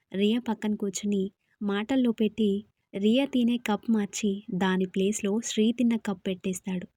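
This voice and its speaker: A woman narrating an audio story with steady, expressive reading. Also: mid-range voice, no echo.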